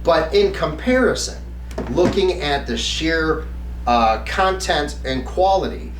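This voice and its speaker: Speaking slowly and animatedly in a fairly high voice, a middle-aged man hosts a tabletop game review. He addresses the camera earnestly and emphatically, in a semi-scripted way. A distant mic picks him up in a roomy space with a little background noise.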